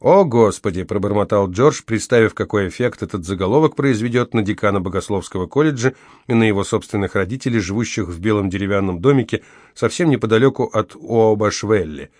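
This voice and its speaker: A man reading an audiobook in steady, scripted narration. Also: on the low side, fast, no echo, studio quality.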